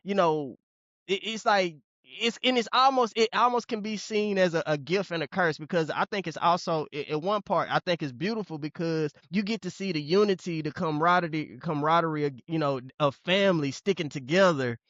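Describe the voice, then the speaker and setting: High-voiced man rambling in casual chat. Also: a little fast, a bit bright, no room sound, highs cut off. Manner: rambling, repeats words, many fillers. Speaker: podcast co-host.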